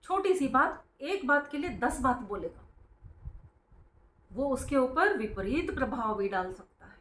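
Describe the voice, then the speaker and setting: A woman with a slightly high voice gives an informal spiritual talk, explaining her points earnestly. She calls her listeners friends and briefly acts out how strict parents hush their children. The sound is roomy and echoing. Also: very animated, unhurried.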